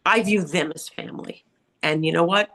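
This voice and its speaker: A middle-aged woman with a raspy, grating, nasal voice, talking bluntly and candidly as an interview guest, acting out what people said. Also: on the low side, moderate pace. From New York area. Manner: blunt, animated storyteller who acts out quotes. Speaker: interview guest, salon owner and author.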